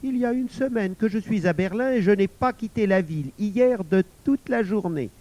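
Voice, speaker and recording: An obsequious grown-up thief, smarmy and falsely calm, as a male reader voices him. His lively, raised tone protests innocence in a storybook reading. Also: high voice, moderate pace, pitched above the performer's own voice. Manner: obsequious, feigned indifference. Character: smooth, lying adult male thief.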